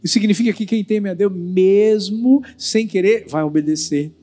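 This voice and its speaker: A male pastor giving a sermon as an animated storyteller who uses dramatic pauses. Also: high voice.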